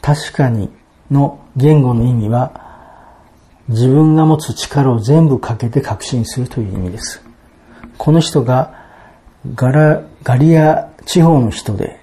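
A man preaching a sermon, explaining Bible verses in a measured, expository way and reading passages aloud. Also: medium pitch, mellow. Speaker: pastor.

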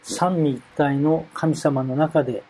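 A man preaching a sermon, reading Bible verses aloud in a measured way and explaining them. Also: a little high, fairly even intonation, warm tone, husky, low-quality recording.

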